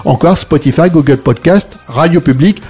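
A man with a slightly high voice hosts a radio show. He presents live and chats casually with his team. Faint music runs underneath. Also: moderate pace, darkish tone, breathy edge. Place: radio studio.

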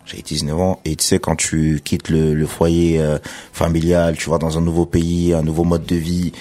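A man speaking as a radio show guest, relaxed and often repeating and restarting his phrases. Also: rumbling low, normal speed. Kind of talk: radio interview.

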